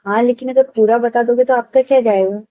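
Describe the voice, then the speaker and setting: A woman voicing a curious, eager young woman in her twenties who keeps asking questions, with a hoarse throat. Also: a little high, fairly even intonation, fairly quick, no echo, narrow, tinny audio, close to an everyday voice. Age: 20s. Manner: asks question after question.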